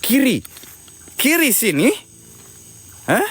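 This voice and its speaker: A man's voice: very high voice, sing-song, slow pace, a bit bright, breathy edge. A man livestreaming a ghost hunt outdoors at night. He chats to his viewers, recites incantations and asks them to share the stream. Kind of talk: live ghost-hunting stream talk. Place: outdoors at night at a haunted spot.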